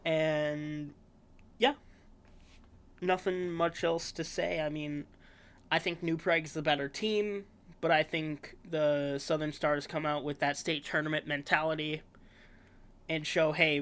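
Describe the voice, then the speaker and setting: A male podcast host with a fairly high voice talks through a sports preview at an unhurried pace. He rambles casually, fills pauses with "yeah" and "um", and corrects himself mid-sentence. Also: smooth. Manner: relaxed, rambling, with frequent fillers and self-corrections.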